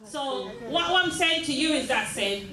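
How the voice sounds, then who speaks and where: A woman's voice: high voice, expressive, measured pace, pushed and bright. An older woman born in Jamaica, a mayor giving an earnest community speech, often repeating phrases and asking the audience "yes?". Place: large room at a mayor's office. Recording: echoey room with faint ambience.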